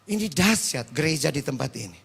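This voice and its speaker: Raspy high-voiced preacher. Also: male voice, expressive, brisk. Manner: swings from shouted proclamation to low storytelling. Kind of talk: sermon with personal testimony.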